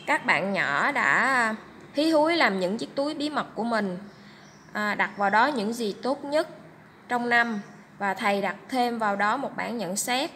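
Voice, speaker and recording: A woman teacher leads a first-grade reading lesson, pronouncing each word slowly and carefully. Her voice is bright and fairly high. A faint hiss sits under the recording. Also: animated. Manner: slow, clear, syllable-by-syllable teaching delivery. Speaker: primary school teacher.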